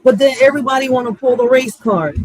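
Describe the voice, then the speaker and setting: Speaking fast in a high but darkish voice with a breathy edge, a channel host from Puerto Rico or of Puerto Rican background rants casually and profanely. Her delivery is blunt and emphatic, full of street slang and repeated phrases for emphasis, on a low-quality recording.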